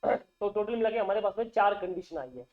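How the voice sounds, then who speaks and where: A man's voice: high-pitched, expressive, a little fast. A male accountancy teacher giving a classroom lecture, constantly asking the class questions and repeating terms back. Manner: quizzes the class with call-and-response questions. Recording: dull, roomy classroom recording.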